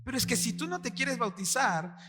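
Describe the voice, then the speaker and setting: High, bright-voiced Peruvian pastor preaching. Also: male voice, fairly quick. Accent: Peruvian Spanish. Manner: animated, acts out quotes, quizzes the congregation. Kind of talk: sermon. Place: church hall with congregation. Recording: long hall reverb, faint music.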